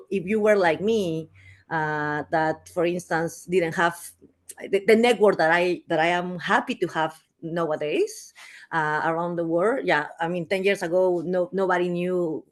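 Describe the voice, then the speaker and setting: A woman's voice: fairly low pitch, a little slow. Chatty Peruvian woman in her thirties. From Peru. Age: 30s. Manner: chatty with frequent fillers and restarts. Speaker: guest speaker. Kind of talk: conversational interview.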